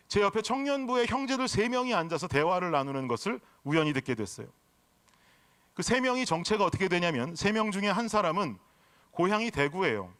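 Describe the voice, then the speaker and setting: A middle-aged man from Seoul preaches on a church microphone, his voice sitting high and leaping up and down as he tells stories. He keeps turning to the congregation with rhetorical questions. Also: fairly bright tone. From Seoul, South Korea. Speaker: pastor. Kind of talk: sermon. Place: church sanctuary.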